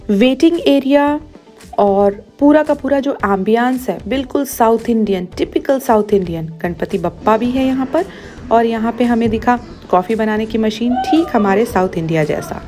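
A woman's voice: fairly high pitch, animated, normal speed, dark tone, faint music behind. A woman in her thirties narrating a casual food vlog in a chatty, upbeat way, slipping English phrases into her talk. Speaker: food vlogger.

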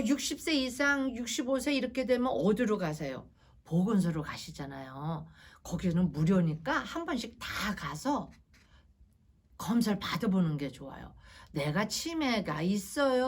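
A woman instructor with a fairly high voice lecturing a group of seniors. Her pitch rises and falls a lot as she explains things patiently. She keeps asking the audience questions and acts out what people might say. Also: breathy edge. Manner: asks the audience questions and acts out quoted speech.

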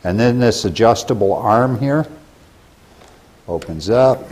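A middle-aged American man with a lowish, slow, slightly mellow and expressive voice demonstrates a tool to camera in a casual, folksy, plain-spoken way. He presents how-to videos for a store, recorded on a lapel mic in a plain indoor workshop room.

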